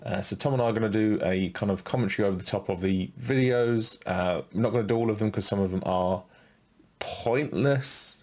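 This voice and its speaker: Guy, really low voice, rambly podcast chat, lots of pauses. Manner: halting, relaxed, thinking aloud. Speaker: podcast co-host. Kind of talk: casual podcast commentary.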